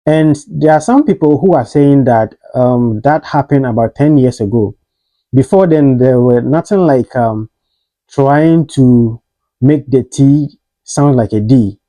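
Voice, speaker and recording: A man hosting a casual spoken pronunciation lesson, explaining patiently and repeating example words slowly for practice. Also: medium pitch, mellow, no room sound, rough recording. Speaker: host.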